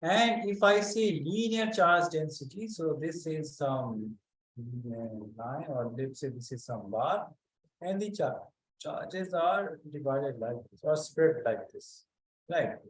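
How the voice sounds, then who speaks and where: A physics teacher runs an online class lecture in a somewhat high voice, talking slowly and haltingly with many pauses. He often stops to check in with students by name, and the recording is low quality.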